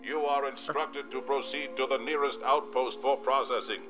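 A man's voice: mid-range voice, steady tone, moderate pace, natural voice. Man playing a menacing alien invader announcer. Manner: formal menacing proclamation. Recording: game audio with music behind.

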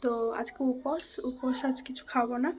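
A woman's voice: sits high, fairly even intonation, brisk, darkish tone, poor audio. A woman, chatting casually to her viewers as a home vlogger. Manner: chatty, talks straight to viewers as friends. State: hoarse from a cold. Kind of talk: casual home vlog chat. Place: home indoors.

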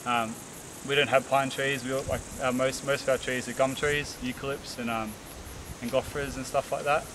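A man's voice: mid-range voice, normal speed. Rambling Australian guy in the bush. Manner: relaxed, rambling, many fillers and restarts. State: tired after a hot hike. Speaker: bushcraft vlogger. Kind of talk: casual outdoor explanation to camera. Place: outdoors in the bush by rocks. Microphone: camera on a tripod a few metres away. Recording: outdoor camera audio with steady hiss.

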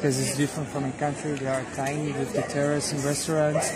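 A man in his twenties chatting casually as a tourist, in halting, simple non-native English. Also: a little high, monotone, very noisy. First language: not English. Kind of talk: casual chat. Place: busy shops and outdoor temple square. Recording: loud music over handheld camera audio.

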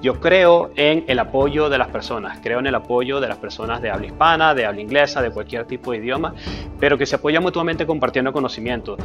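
A man, introducing himself to camera in a steady, earnest way with frequent fillers. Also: medium pitch, brisk, dull audio, faint music behind. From Venezuela. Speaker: personal finance YouTuber. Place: dark studio with a screen backdrop.

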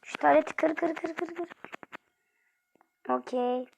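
A young woman commenting on her own gameplay, dropping to whispers and then shouting in frustration. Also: high voice, unhurried, vocal fry, muffled recording, slight background noise. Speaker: gaming streamer.

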